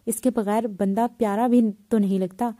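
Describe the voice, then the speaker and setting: A woman's voice: mid-range voice, fairly even intonation, dark tone, natural voice. A woman voicing a playful young woman doctor who boasts about her army husband, in a storybook reading, with a teasing, boastful manner.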